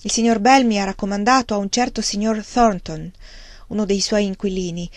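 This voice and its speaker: A woman voicing a gentle, troubled clergyman father. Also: medium pitch, steady tone, dry recording, natural voice. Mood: musing. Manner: soft, hesitant, measured delivery.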